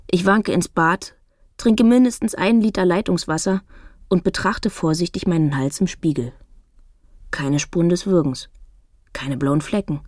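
A woman's voice: on the low side, darkish tone, no room sound. Dry-voiced woman reading a wry novel. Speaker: audiobook narrator. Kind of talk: first-person novel reading.

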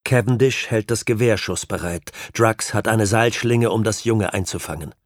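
A male audiobook narrator with a low voice, reading a novel in measured, even storytelling. The sound is close and dry, with no room around it. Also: no room sound. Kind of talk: scripted literary narration.

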